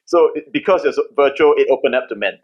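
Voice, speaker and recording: A man hosts a casual interview over a video call, firing off questions quickly. He stumbles and restarts often as he talks. The audio comes through dull and lo-fi. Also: medium pitch, expressive, slightly rough. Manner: fast, stumbling restarts, laughs easily. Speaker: interviewer host.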